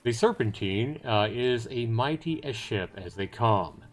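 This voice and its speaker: Over music, a man uses his natural voice at medium pitch to play a seafaring trader with a salesman's charm, spinning sea yarns in a theatrical, coaxing manner. His delivery is expressive and a little slow, and the dramatic storytelling comes across as boastful and suspenseful.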